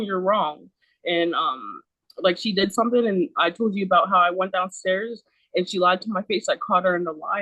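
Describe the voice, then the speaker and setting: A woman's voice: mid-range voice, a bit bright, no echo, low-quality recording. Woman, 30s, podcast guest. Casual, emphatic storyteller, swears a lot, heavy on "like". Dry sound. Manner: emphatic, profane, many "like" fillers.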